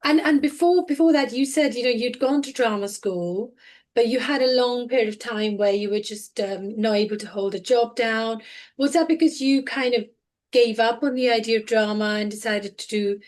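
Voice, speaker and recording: A woman's voice: on the high side, moderate pace, a little mellow. A woman hosting a podcast, asking encouraging, prompting questions. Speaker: podcast host. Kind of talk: interview questions.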